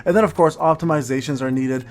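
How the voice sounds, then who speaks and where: A man's voice: on the high side, fast. A man giving a casual, rambling rundown of game updates as a video host, often stumbling and repeating his words. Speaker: gaming content creator hosting an update video. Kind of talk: casual news rundown commentary.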